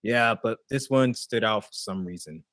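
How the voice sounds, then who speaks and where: A man's voice: fairly low pitch, moderate pace, a bit bright, no room sound, clean studio sound. A man co-hosting a podcast, chatting casually and animatedly, laughing often and swearing offhandedly. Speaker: podcast co-host. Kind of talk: casual chat.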